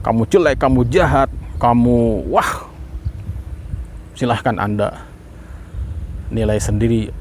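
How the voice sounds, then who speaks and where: Lively Indonesian-speaking man telling of his experiment. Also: a little hiss or hum. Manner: lively, rises in pitch when excited; acts out quoted voices mid-talk. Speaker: parent sharing an experiment. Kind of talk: casual talk to viewers.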